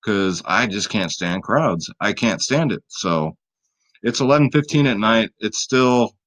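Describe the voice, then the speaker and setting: A man's voice: lowish voice, expressive, unhurried, fairly bright tone, poor audio. A man hosting a fantasy sports picks video, talking casually and straight to his viewers, tired late at night. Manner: chatty, hype-building, talks straight to viewers.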